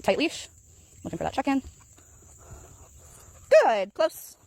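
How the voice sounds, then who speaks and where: A woman dog trainer walking a dog in an outdoor park, explaining calmly and praising the dog in high sing-song bursts. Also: slow pace, creaky. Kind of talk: casual vlog narration while training a dog. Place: outdoor park path near geese.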